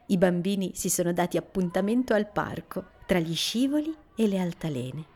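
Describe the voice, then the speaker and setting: A woman narrating a children's story in an expressive, lilting way. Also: on the low side, normal speed.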